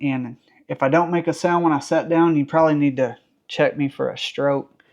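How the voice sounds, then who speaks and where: A man's voice: a little high, steady tone, moderate pace, lo-fi sound. A man in his thirties with a Southern accent, chatting casually and joking at himself while he works on a truck in his home garage. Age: 30s. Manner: joking, self-deprecating, talks while working. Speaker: car restoration vlogger.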